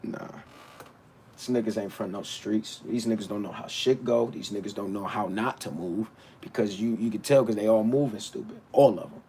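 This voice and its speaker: A man with a fairly low, dark voice talks at a moderate pace, with a little hiss or hum in the audio. He's a battle rapper livestreaming, ranting bluntly and animatedly, talking back to chat and restarting his words.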